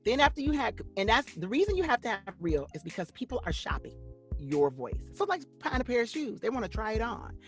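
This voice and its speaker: A woman voice-over actress talking about her career in an interview, animated and excitable. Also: a little high, fairly quick, faint music behind. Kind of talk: casual interview talk.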